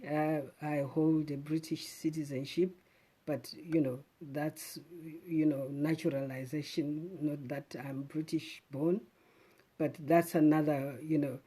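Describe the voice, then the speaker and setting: A middle-aged woman from Zimbabwe, hosting a casual live stream and thinking aloud in an unhurried way, with many "um"s and restarts. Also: sits low, fairly even intonation, mellow, husky.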